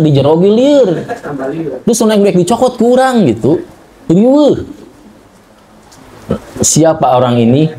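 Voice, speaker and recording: A middle-aged man preaching a lively sermon, firing rhetorical questions at his listeners. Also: high voice, low-quality recording. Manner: animated, asks rhetorical questions, acts out home scenes.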